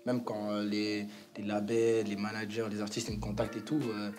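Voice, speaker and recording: A man telling a story to friends in a casual, halting way, full of slang and fillers. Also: fairly low pitch, monotone, over music. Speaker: guest.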